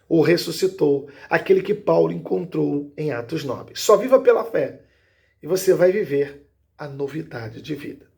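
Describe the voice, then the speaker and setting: A male pastor speaks high in his register, and a gravelly rasp runs through his voice. He teaches scripture with steady emphasis and often pauses to check that his listeners are following. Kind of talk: Bible teaching video.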